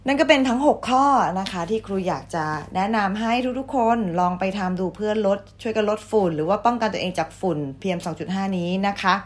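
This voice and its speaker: A woman teacher giving a vocabulary lesson, saying each English word twice, louder and slower, then explaining it politely. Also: mid-range voice. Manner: polite, ends phrases with soft particles.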